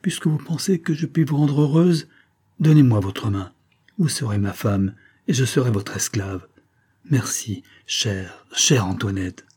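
A man's voice: mid-range voice, unhurried, a little mellow, husky. A man reading as a timid, dreamy suitor. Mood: flustered.

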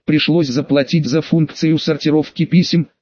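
A man's voice: on the high side, fairly even intonation, normal speed, a little mellow, no echo. Man reading an audiobook, dry dull sound. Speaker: audiobook narrator. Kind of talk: scripted first-person narration. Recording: dull, slightly lo-fi dry recording.

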